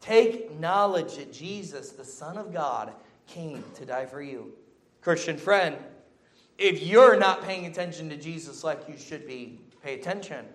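A man's voice: a little high, lively intonation, a little slow, fairly bright tone. A man preaching a sermon, exhorting emphatically with repeated short phrases and rhetorical questions.

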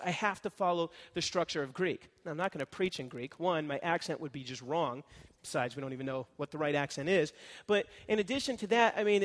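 A pastor with a high voice delivers an expository sermon, explaining grammar in a conversational, teacherly way and frequently checking in with the congregation. A long reverb tail trails his speech.

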